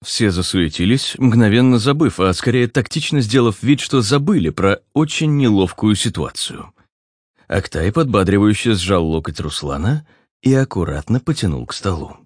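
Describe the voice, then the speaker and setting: Low-voiced male audiobook narrator. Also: expressive, moderate pace, dry recording, studio quality.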